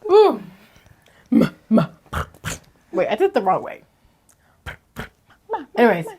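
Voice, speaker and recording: Lively laughing young woman podcaster. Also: on the high side, takes it slowly. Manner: animated, laughs often, slangy. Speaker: podcast co-host. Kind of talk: casual chat, reading confessions aloud.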